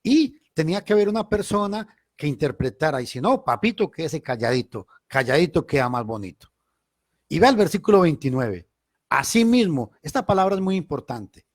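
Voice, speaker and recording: A man leads a Bible study like a sermon, with a fairly high voice that leaps up and down. He stresses key words loudly, then drops into quiet asides. The sound is dry and close. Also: no echo. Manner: emphatic, swings between loud stress and quiet asides. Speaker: Bible teacher.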